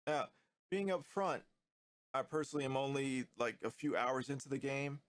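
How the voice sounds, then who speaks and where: A man with a stuffy, nasal voice from a cold, giving relaxed, slightly critical commentary on a video game. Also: medium pitch, moderate pace, dry recording. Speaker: gaming YouTuber.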